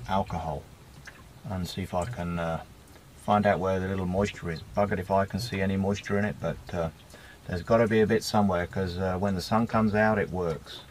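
On a windy beach and a small sailboat, an Australian man in his fifties films himself for his sailing vlog, talking casually into a handheld or mounted camera mic. His low voice holds a steady tone at normal speed over slight background noise. The delivery is relaxed and rambling, packed with "uh" fillers.

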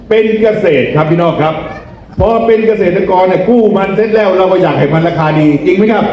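A man delivers a campaign rally speech in a high but soft-toned voice. He speaks in a folksy way, often turning to his listeners with questions. The sound is heavily echoed, like a public address system. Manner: folksy, repeatedly asking the crowd questions. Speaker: parliamentary election candidate. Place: rally venue, speaking to a gathered crowd.

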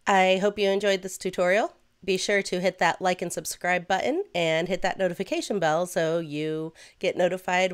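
A young woman with a low, smooth voice walks through a software tutorial. She keeps it chatty and playful and drifts into light asides now and then. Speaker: host. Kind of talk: screen-recorded software tutorial.

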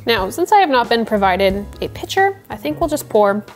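A young woman in her twenties talks through a casual vlog in a playful, chatty way, with a slightly high voice. Soft music plays faintly behind her. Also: very animated, normal speed. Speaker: coffee video host. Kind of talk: casual product-review vlog.

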